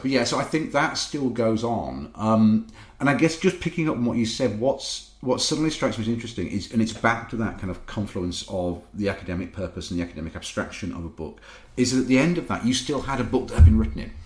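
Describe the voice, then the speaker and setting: A man's voice: medium pitch, animated. A man in a casual discussion, talking in long rambling sentences and correcting himself as he goes. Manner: rambling, self-correcting, talks fast. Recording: echoey room.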